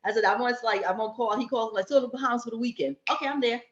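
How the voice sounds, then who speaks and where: A woman's voice: on the high side, very fast. A woman in her fifties chatting casually, telling stories and acting out what people said. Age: 50s. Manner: chatty storytelling, acts out quotes. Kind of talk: casual chat. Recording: dull echoey room sound.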